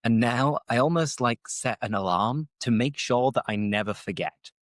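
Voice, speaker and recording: Recorded dry in studio quality, this British man speaks at medium pitch and normal speed. As host of an English-learning podcast, he gives a casual, unscripted teaching monologue, explaining phrases along the way.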